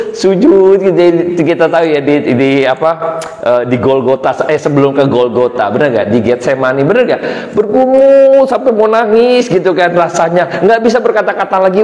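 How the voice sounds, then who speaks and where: A middle-aged man preaching a sermon as pastor, talking in a chatty, animated way with many fillers. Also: mid-range voice. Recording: roomy hall with long reverb.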